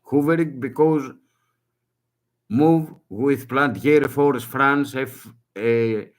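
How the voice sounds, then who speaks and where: Speaking slowly in a medium-pitched voice, an older man with a Greek accent makes an urgent appeal to the public. A native Greek speaker, he uses broken English and short phrases he says again and again in this self-made video.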